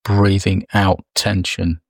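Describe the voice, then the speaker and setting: Male meditation guide, unhurried and gentle, lowish voice, dry close recording. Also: flat delivery, gravelly, no echo. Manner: slow, soft, soothing delivery with long pauses.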